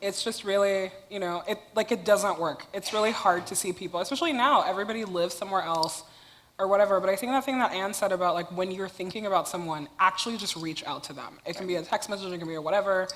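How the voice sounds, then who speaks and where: A woman co-hosting a live podcast, giving casual advice in a relaxed, chatty way. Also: mid-range voice, quick pace, big-room sound, a little hiss or hum, poor audio. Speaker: podcast co-host. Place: event stage before an audience.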